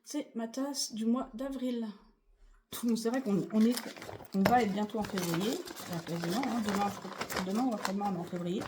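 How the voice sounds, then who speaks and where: A woman's voice: mid-range voice, normal speed, noisy background. A woman vlogging casually about her cross-stitch projects, rambling and chatty with many fillers. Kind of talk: casual chatty craft vlog.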